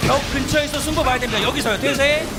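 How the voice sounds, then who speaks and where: A man giving excited fighting game announcer commentary, urgently repeating short calls. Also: very high-pitched, fast. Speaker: esports match commentator. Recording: loud music behind the voice. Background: loud music.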